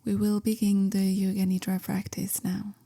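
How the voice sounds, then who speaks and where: A female yoga teacher guides a meditation with gentle, measured calm, giving slow and soothing instruction. Her mellow voice holds an even pitch and settles into a soft creak, with phrases often fading into a breathy near-whisper.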